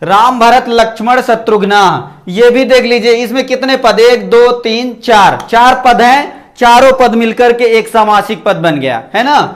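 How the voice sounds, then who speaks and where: A man's voice: very high voice, measured pace, hardly any pauses. A man teaching a grammar class online, repeating each point and checking in with his students often. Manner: repetitive, checks in with "ठीक ना" after points. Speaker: Sanskrit teacher.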